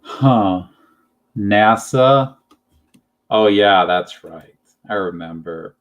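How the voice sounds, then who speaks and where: A young man hosting a relaxed chat, talking slowly in a lowish voice. He rambles and hesitates, stacking up fillers and small giggles as he hunts for words. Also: dull audio. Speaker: channel host. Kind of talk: casual chat.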